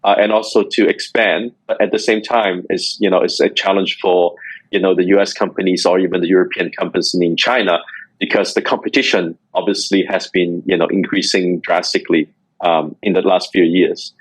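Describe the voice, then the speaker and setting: A middle-aged man from Hong Kong answering interview questions in a measured way, with many fillers. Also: deep voice, fairly even intonation, slightly rough, no echo, rough recording. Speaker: guest, company executive.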